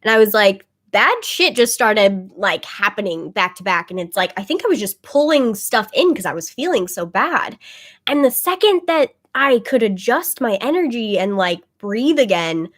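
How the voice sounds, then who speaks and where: On a webcam livestream, a woman who reads tarot chats with viewers in a rambling way, full of "like" fillers. Her medium-pitched voice is a bit bright with lively intonation at a normal speed, though it sounds somewhat phlegmy and congested.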